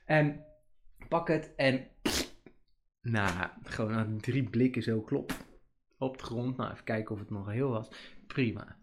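A man's voice: mid-range voice, unhurried, pauses often, slight background noise. A man, hosting a casual podcast monologue, chatty and rambling with many fillers. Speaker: podcast host.

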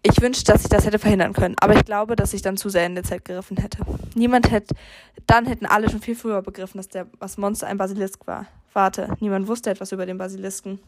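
A young woman reading her own fan fiction aloud, rushing and often tripping over words and correcting herself. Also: medium pitch, steady tone, darkish tone. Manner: rushed reading with frequent slips and self-corrections.

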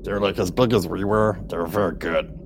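A man's voice: sits low, steady tone, fast talker, background noise. A man voicing a small, friendly goblin who is sheepish and hesitant. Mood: friendly, timid. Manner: hesitant, rambling.

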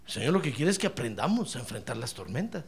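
A man preaching a sermon, animated and humorous, often calling his listeners brother and acting out Bible scenes. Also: medium pitch, fast, gravelly.

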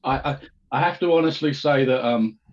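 A man's voice: medium pitch, fairly quick. A man as a guest on a casual sports podcast, speaking with dry, wry understatement. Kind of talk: casual chat. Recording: dull lo-fi audio.

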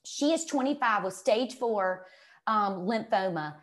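A woman's voice: mid-range voice, unhurried. A middle-aged woman with a Mississippi Southern accent tells personal stories casually and emphatically, often acting out quoted remarks. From Mississippi, United States. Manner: animated, emphatic, quotes herself and others. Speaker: guest. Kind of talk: casual conversational storytelling.

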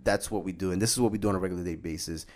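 A man's voice: sits low, fairly even intonation, very fast. A man co-hosting a casual podcast, chatty and rambling, laughing easily as he talks. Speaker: podcast co-host. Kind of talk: casual chat.

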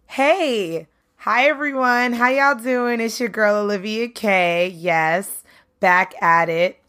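Speaking slowly in a medium-pitched, bright and forceful voice, this young woman from Brooklyn, New York delivers a solo podcast monologue. She hosts the show and is also a singer and bandleader, and her tone stays chatty, upbeat and casual, thick with "you know"s.

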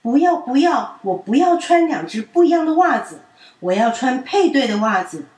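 A woman gives voice to a sulky small child who refuses everything, whiny and insistent and loud, pitched high. It sounds roomy and a little far away. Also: sing-song, moderate pace. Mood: stubborn.

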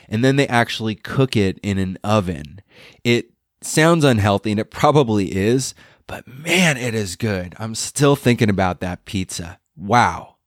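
Low-voiced man, stuffed up with a cold. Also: no room sound, clean studio sound. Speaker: podcast host. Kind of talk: scripted podcast segment.

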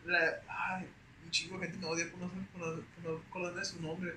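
A young adult man with a Mexican accent tells stories as a podcast guest, his high voice fairly quick. His casual chat is slangy and animated, peppered with "güey." The recording has a roomy echo and faint hiss.

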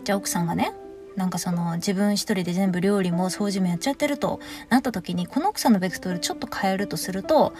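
A woman hosting a podcast, giving frank, lively marriage advice in a casual monologue and acting out quotes with big swings in pitch. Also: fast, music in the background.

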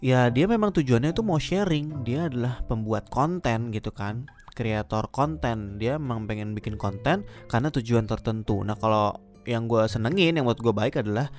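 A man's voice: medium pitch, lively intonation, normal speed, darkish tone. A man hosts a casual solo podcast over background music. He speaks with a slight lisp that slurs his r sounds. He often circles back and rephrases as he gives his opinions. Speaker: podcast host.

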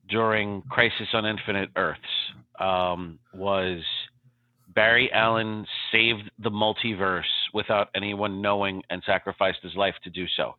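A man co-hosting a casual podcast chat, telling a long story in an animated way and checking in with "okay?". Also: fairly low pitch, no echo. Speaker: podcast co-host. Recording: tinny phone-like line.

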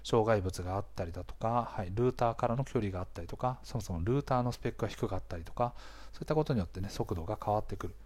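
A man with a slightly hoarse voice hosts a casual explainer, talking conversationally to listeners and often checking in with small interjections. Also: on the low side, racing, hardly any pauses, darkish tone. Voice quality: hoarse, gravelly-sounding voice. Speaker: podcast host.

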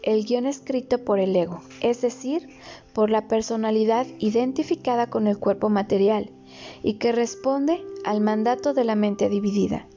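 A woman reading a reflective story aloud in a slow, measured way, with occasional slips and restarts. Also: a little high, mellow. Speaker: narrator. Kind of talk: read-aloud reflective narration. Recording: dull lo-fi recording with faint music.

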